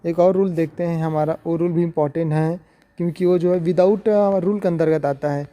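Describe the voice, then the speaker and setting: Guy doing a pronunciation lesson, kinda high voice but really mellow and dark, goes word by word and repeats stuff. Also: fairly even intonation, moderate pace. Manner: explains words one by one with meanings, repeating himself. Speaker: English pronunciation teacher. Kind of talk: explanatory video lesson.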